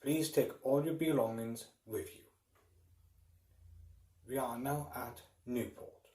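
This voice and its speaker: Slow male train announcer over an echoey intercom. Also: medium pitch, warm tone. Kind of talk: scripted public address announcement. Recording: echoey, distant intercom sound.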